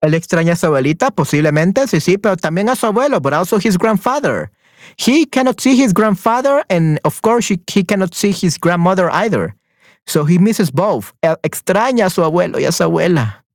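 A man teaching a language lesson, encouraging a student and slowly repeating questions with English glosses. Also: high-pitched, lively intonation, no room sound, clean studio sound. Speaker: Spanish teacher.

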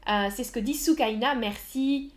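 A woman teaching French on a live stream, speaking slowly and clearly, repeating words and answering viewers in the chat. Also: sits high. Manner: slow, clear teacherly delivery with repetitions. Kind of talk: live-stream language lesson.

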